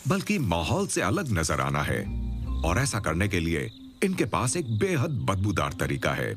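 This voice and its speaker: Guy doing nature documentary narration, lively up and down pitch, measured explainer style, music playing behind.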